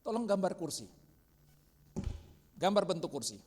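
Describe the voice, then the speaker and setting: Give me a fairly high-voiced man teaching a church class in a reverberant hall. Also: very animated, moderate pace, a little mellow, a little hiss or hum. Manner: quizzes the audience constantly.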